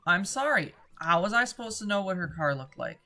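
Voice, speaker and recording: Low, bright-voiced woman rambling over gameplay. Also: lively intonation, quick pace, soft background music. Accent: mixed Atlantic and American. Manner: rambling, tangential, swears casually. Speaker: let's play host. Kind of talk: casual gameplay commentary.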